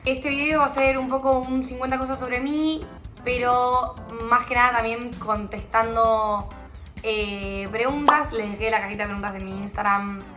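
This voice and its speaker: A woman's voice: on the high side, fairly even intonation, normal speed, pushed and bright. A young woman from Argentina with a Rioplatense accent, chatting casually and self-mockingly to camera in a home vlog. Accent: Rioplatense Argentine Spanish. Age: young adult. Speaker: vlogger. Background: music.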